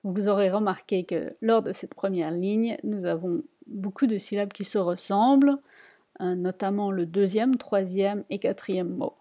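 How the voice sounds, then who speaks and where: A woman's voice: mid-range voice, a little slow, dark tone. A woman teaching a reading lesson, patiently repeating each word and explaining it. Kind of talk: slow spoken lesson.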